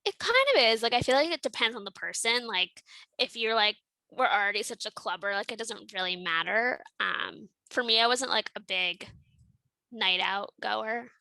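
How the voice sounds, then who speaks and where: Bright young woman, close dry sound. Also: fairly high pitch, normal speed, vocal fry, no echo, rough recording. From Montreal, Canada. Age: about 20. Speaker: podcast co-host. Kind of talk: casual chat. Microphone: headset.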